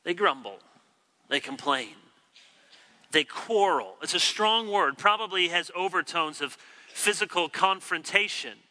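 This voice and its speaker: Bright-voiced man preaching in a hall. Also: high-pitched, expressive, measured pace. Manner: teacherly, acts out quoted complaints. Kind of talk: expository sermon. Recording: long hall reverb.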